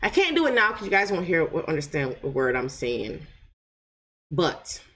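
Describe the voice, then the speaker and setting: Here a woman from Jamaica, hosting her channel, wanders chattily through her own story for viewers, frequently tossing in "right?" in her light Jamaican accent. Her low, fairly bright voice is very animated at a normal speed, and there is slight background noise.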